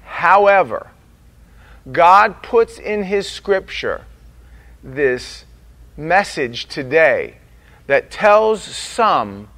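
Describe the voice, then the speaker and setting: A pastor with a slightly high voice preaches a sermon, going quiet and slow in prayer and building to loud, emphatic warnings.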